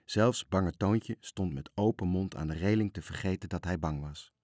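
A man reading a children's story aloud in a calm, even storytelling manner. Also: sits low, moderate pace, no room sound, studio quality.

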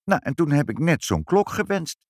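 A man's voice: fairly high pitch, very animated, moderate pace, darkish tone, no echo, studio quality, pitched above the performer's own voice. A man voicing a curious, eager young girl in a children's story. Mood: pleading.

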